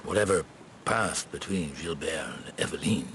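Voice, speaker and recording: An actor in a radio drama playing an avuncular, world-weary middle-aged police inspector who speaks in a measured, halting way. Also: male voice, low-pitched, a bit bright, slight background noise. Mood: grave, deliberate.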